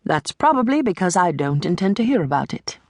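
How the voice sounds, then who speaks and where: Icy, curt British airline agent, low and hushed, voiced by a woman narrator for an audiobook, dry booth sound. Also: big pitch swings, brisk, no echo. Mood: cold, curt. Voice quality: clipped, icy, dismissive. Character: cold brusque British woman ticket agent. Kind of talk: audiobook character voice.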